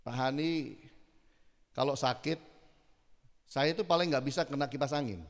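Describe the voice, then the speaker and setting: A middle-aged male pastor preaching a sermon in an animated, conversational way, acting out little exchanges. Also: mid-range voice, normal speed. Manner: animated, conversational, acts out quotes. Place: church hall. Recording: long church hall reverb.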